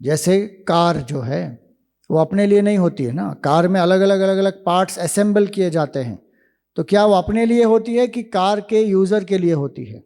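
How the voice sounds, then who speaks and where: A man giving a spiritual discourse, explaining ideas slowly with rhetorical questions to listeners in a hall. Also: sits high, darkish tone. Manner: slow, deliberate, rhetorical questions. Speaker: spiritual teacher. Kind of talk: Vedanta discourse to youth camp.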